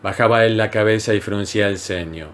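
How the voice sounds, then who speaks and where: Low-voiced man reading a literary tale. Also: a bit bright. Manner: measured, unhurried reading with frequent pauses. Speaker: audiobook narrator. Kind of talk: scripted literary narration.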